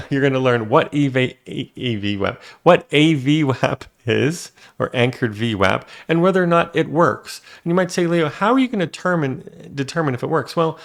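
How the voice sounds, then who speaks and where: A man talks through a trading tutorial in an easy, conversational way. His voice sits at an ordinary middle pitch, and he keeps tossing in quick "right?" check-ins as he walks through the numbers. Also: animated, gravelly. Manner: conversational, frequent "right?" asides. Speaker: algorithmic trader and channel host. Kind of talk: casual explanatory trading tutorial.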